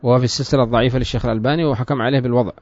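A man's voice: mid-range voice, fairly even intonation, rapid-fire, darkish tone, no room sound. A man teaching Arabic grammar in a class, reading a text aloud and then explaining it, asking his students questions and often repeating himself. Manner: repeats himself and restarts phrases. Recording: dull, lo-fi recording.

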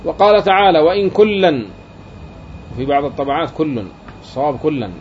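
A man giving a classroom lecture, his voice set a little higher than most men's. He explains step by step, repeats his key phrases and throws questions at the class. The recording sounds dull and lo-fi, with a faint hum behind it. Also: expressive, a little fast, darkish tone. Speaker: teacher of Arabic grammar.

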